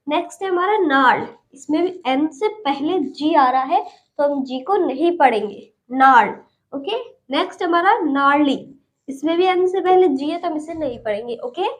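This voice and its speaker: High-voiced woman teaching English patiently. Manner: patient, repeats each word and ends points with "okay". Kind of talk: online English lesson.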